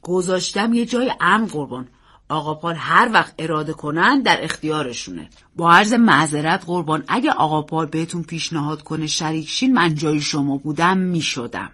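A woman voicing a polite, careful male servant who speaks in a hushed, mysterious tone. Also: sits low, expressive, breathy edge, full character voice. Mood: deferential.

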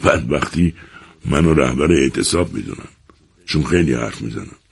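Man doing a calm preacher guy, pleading, husky deep voice. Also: full character voice.

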